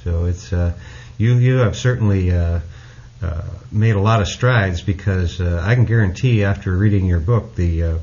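A man hosting a podcast, responding to his guest in a measured, reflective way with frequent fillers. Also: low voice, darkish tone, muffled recording. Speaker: podcast host. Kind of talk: casual interview chat.

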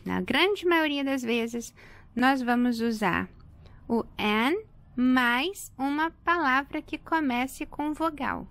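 Slow, patient woman teaching English. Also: high-pitched, animated, a bit bright. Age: 30s. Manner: slow and patient, repeats example words for drilling. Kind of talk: explaining an English grammar lesson.

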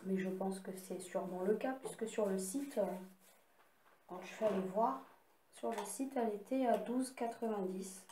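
A woman's voice: mid-range voice, moderate pace, noisy background. A woman casually showing and swatching eyeshadow palettes she bought, chatty with little apologetic asides. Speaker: beauty vlogger. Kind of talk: casual makeup haul with swatches. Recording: echoey room.

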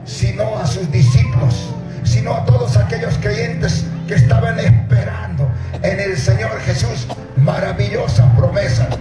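Filmed from a distance, an open-air night sermon features a middle-aged pastor on an outdoor stage. He speaks in a high-pitched voice into a handheld mic routed through a PA, calling to the congregation and shouting at the climaxes, so the sound is echoey and remote.

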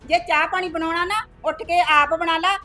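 A woman playing a shrill, snappish young daughter-in-law. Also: steady tone, moderate pace, bright, forceful tone, soft background music. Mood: taunting. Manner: snappish, taunting. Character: sharp-tongued young daughter-in-law, lazy and rude. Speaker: actor in a short film.

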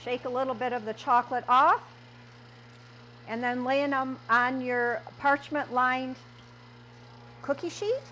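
A woman's voice: high voice, unhurried, long pauses, bright, forceful tone, slight background noise, rough recording. A middle-aged woman, a candy shop owner, walking through a recipe step by step in a small kitchen, with frequent fillers. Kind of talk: cooking demonstration.

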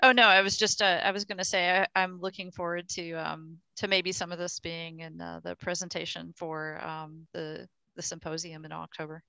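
Bright, dry-sounding woman on a video call. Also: lowish voice, flat delivery, moderate pace, vocal fry, clear, resonant tone, no room sound. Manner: thinks aloud with many restarts and fillers. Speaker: project engineer in a technical meeting. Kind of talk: casual technical discussion.

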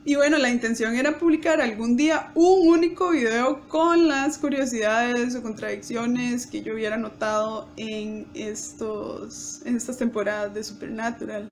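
A woman's voice: a little high, normal speed, few pauses, a little hiss or hum. A young woman, chatting to camera and acting out quoted lines with bursts of laughter. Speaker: YouTuber. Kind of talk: casual storytelling to camera.

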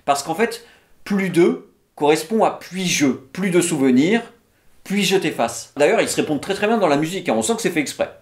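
A man's voice: on the high side, brisk. Chatty French man explaining poetry. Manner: chatty, lively, many "bah" and "hein" fillers. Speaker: literature video host. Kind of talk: casual educational talk.

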